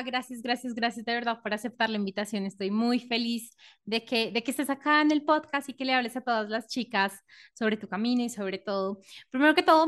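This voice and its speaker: A woman's voice: fairly high pitch, a bit bright. A woman hosting a casual podcast interview, talking in an enthusiastic, effusive way. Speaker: podcast host.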